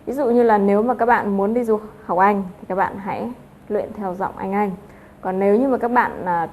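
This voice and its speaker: A woman's voice: mid-range voice, a little mellow, a little hiss or hum. A woman teaching an English lesson, explaining step by step with frequent filler sounds.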